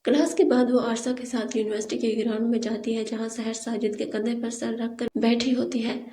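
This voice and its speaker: A woman narrating a romantic novel in audiobook style, with steady, even storytelling. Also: a little high, echoey room.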